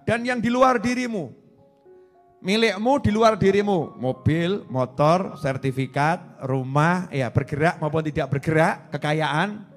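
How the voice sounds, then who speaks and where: Animated high-voiced male preacher. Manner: animated, switches between soft asides and loud emphatic repetition, chants prayers. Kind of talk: sermon.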